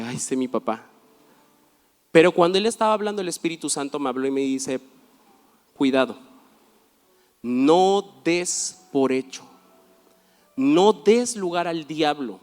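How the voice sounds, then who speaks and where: Male pastor, fairly high voice, animated storytelling sermon, long hall reverb.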